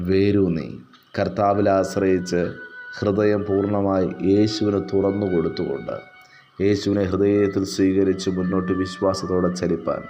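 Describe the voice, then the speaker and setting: A male pastor from Kerala with a Malayali accent, giving a solemn, measured Bible reading and devotional message. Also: deep voice. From Kerala, India. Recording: dull lo-fi audio with soft music behind.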